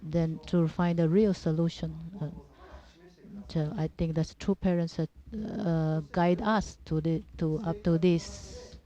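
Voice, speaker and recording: A woman from Japan with a Japanese accent giving an informal religious teaching talk in halting, simple non-native English, repeating her phrases. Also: low voice, steady tone, mellow. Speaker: religious seminar speaker. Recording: dull, muffled lo-fi audio.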